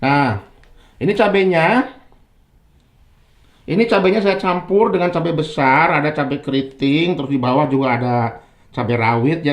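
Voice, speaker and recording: Indonesian-accented male cooking host, mid-pitched, chatty, echoey kitchen with frying sizzle behind. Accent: Indonesian, with Sundanese terms. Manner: chatty, friendly, ends phrases with "ya". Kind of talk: home cooking tutorial. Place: home kitchen.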